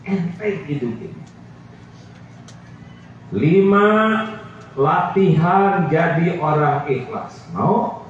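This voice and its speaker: A middle-aged man giving a lively, joking sermon on an outdoor stage, speaking into a handheld microphone and often asking the crowd questions. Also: fairly high pitch, extremely slow, long pauses, slight background noise. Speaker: preacher. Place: outdoor stage under a tent. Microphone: handheld mic, far camera. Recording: roomy, distant, dull PA sound.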